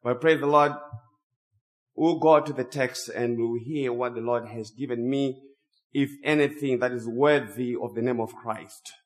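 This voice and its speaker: A guest preacher from Zimbabwe, speaking English as a second language, delivers a sermon while suffering from a cold. His medium-pitched voice holds a steady tone, and he stretches out his phrases slowly for emphasis.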